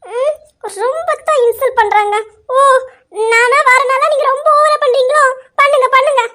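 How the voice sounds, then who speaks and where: A woman's voice: extremely high pitch, fairly quick, a bit bright. A woman voicing a sulky, bratty young wife who whines and scolds to get attention, in a fan audio drama. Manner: whiny, teasing, scolding.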